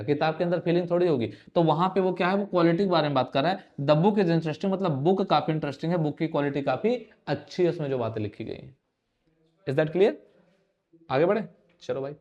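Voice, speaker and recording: A man's voice: a little high, a little mellow, muffled recording. A young man teaching an exam-prep grammar lesson, conversational and teasing, firing rhetorical questions at his students.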